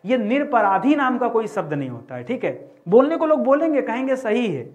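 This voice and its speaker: A man's voice: very high voice, sing-song, brisk. Male grammar teacher for an exam-prep class, drills words through repetition and rhetorical questions. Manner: repeats key words, quizzes students with rhetorical questions.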